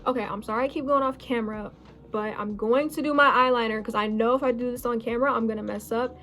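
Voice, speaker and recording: Chatty teenage girl, slightly hoarse. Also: a little high, steady tone, quick pace, fairly bright tone, poor audio. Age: late teens. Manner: rambling, chatty, self-correcting. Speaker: beauty vlogger. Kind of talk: casual get-ready-with-me chat. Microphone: phone camera.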